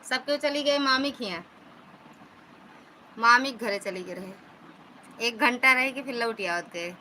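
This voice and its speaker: Awadhi woman going live on her phone, slow chatty talk, very bright cutting voice, answers comments. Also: fairly high pitch, a little hiss or hum, rough recording. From Uttar Pradesh, India. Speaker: live-stream host. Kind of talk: casual live-stream chat.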